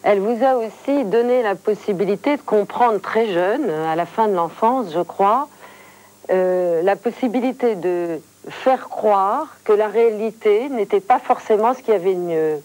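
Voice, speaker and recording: A woman hosting a formal TV interview, speaking in measured, eloquent phrases. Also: medium pitch, a little mellow.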